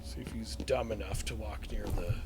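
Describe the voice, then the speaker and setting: A man's voice: lowish voice, fairly even intonation, moderate pace. A man giving casual, chatty let's-play commentary as he plays through a shooter game, often chuckling at it. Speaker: gaming channel host.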